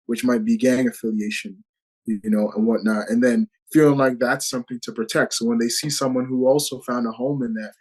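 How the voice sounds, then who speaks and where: A man's voice: medium pitch, steady tone, fairly quick, husky, rough recording. A man being interviewed as an actor over a video call, talking in an earnest, reflective way with many "you know" fillers. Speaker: actor guest.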